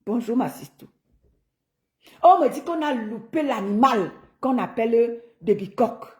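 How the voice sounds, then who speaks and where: A woman with a Cameroonian French accent hosts a casual live stream in a high, bright-pitched voice. She talks in an animated, teasing way, laughing often and calling out to her viewers by name. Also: a little slow.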